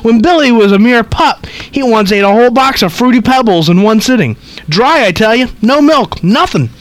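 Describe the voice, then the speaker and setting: A nosy old woman who rambles and gossips and ends half her sentences with "though", as a man puts her on. Her voice sits high and swings wildly up and down. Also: animated, moderate pace, close to an everyday voice. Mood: gossipy. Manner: chattering, cackling, repeats "though".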